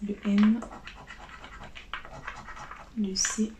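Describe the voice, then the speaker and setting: A woman's voice: mid-range voice, little pitch movement, very slow, darkish tone. A woman vlogger giving casual running commentary to her viewers, chatty and steadily calling out letters and numbers. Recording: roomy echo, faint background noise.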